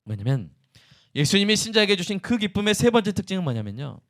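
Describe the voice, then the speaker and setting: A male pastor preaching a sermon in an animated way, often asking the congregation questions. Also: sits high, quick pace.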